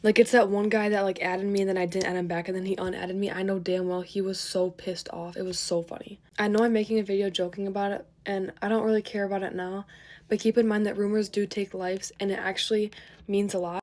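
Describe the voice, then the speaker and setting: A young woman in a storytime vlog, animated, laughing and swearing through a rant. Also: medium pitch, quick pace.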